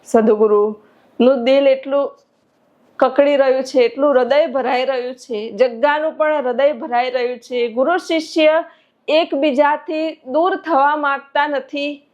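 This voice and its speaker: A woman's voice: sits high, fairly even intonation, a little slow, darkish tone. A woman spiritual teacher telling a devotional story in an earnest, emotive way. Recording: dull lo-fi recording.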